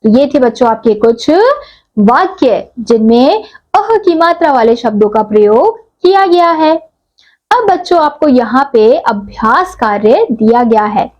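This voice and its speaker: A young woman teacher gives a slow, clear lesson to young children, sounding out each syllable carefully. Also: on the high side, animated, a little mellow, lo-fi sound. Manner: sounds out syllables slowly and stretches each word.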